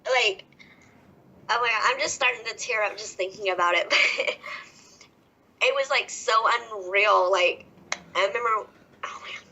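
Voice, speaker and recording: A woman's voice: medium pitch, normal speed, long pauses, pushed and bright. A woman in her twenties with a Southern US accent, a wrestler talking emotionally on a casual podcast interview, laughing often. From American South. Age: 20s. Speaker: wrestler guest. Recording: dull lo-fi podcast audio.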